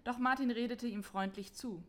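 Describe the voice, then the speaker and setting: A woman calmly narrating a scripted Christmas story for children in a clear reading voice. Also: fairly high pitch, moderate pace.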